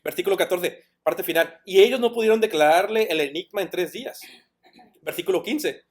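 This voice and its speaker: A man with a high voice preaches in a church. He reads verses aloud, stops to explain them in plain words, and asks the congregation questions as he goes. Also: brisk. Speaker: pastor. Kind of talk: sermon.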